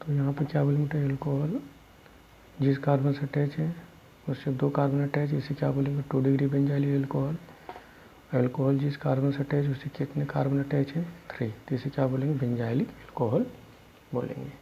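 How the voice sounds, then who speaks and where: Gravelly male chemistry teacher, lo-fi. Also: mid-range voice, level tone, a little fast, a little hiss or hum. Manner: explains step by step, asks students questions and answers them himself; calls students "beta". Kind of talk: classroom lecture. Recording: dull lo-fi recording.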